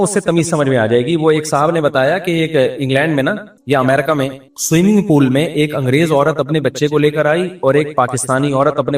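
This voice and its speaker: Man, preacher; humorous, animated storytelling; higher-pitched, roomy far-off recording. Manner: lively storytelling, acts out voices in quoted dialogue. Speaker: Islamic scholar giving a religious talk. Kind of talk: religious lecture with humorous anecdotes. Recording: roomy, distant mic.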